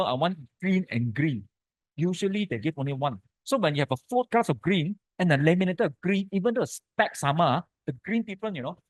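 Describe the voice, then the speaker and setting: Addressing architects, a man with a Malaysian accent runs through an informal technical lecture in snappy, colloquial lines ending in particles. His pitch is fairly high, and the recording is dry and low in quality.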